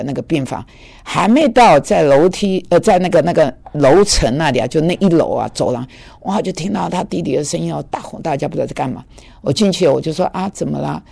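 A man telling a conversion story in a sermon, acting out the dialogue and stammering when excited. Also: fairly high pitch, gravelly, slightly rough. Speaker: preacher giving testimony.

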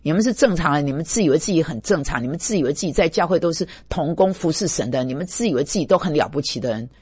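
A man's voice: a little high, expressive, fast talker, a little mellow, husky, no echo. Impassioned man, stammering plaintively. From Taiwan. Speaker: pastor. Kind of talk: emotional devotional talk.

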